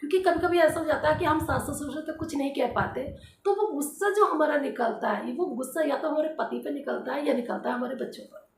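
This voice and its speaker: A housewife vlogger chats casually to her viewers, offering advice in a high, fairly quick voice. She sounds earnest and direct, repeating her points and using lots of fillers, with a roomy echo and a faint hiss or hum in the background.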